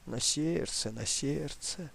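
A man voicing an old village grandmother who laments and wails about wartime hunger in her sleep, and murmurs softly and guiltily when awake. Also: medium pitch, animated, takes it slowly, vocal fry. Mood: subdued. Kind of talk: audiobook reading.

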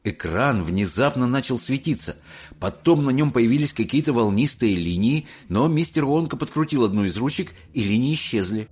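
A man narrating an audiobook in an expressive, measured reading. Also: mid-range voice, breathy edge. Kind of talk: scripted narration.

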